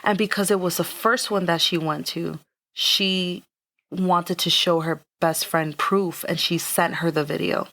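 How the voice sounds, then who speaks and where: A woman co-hosting a podcast in casual, animated chat, spinning theories and laughing often. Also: lowish voice, a little slow. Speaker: podcast co-host.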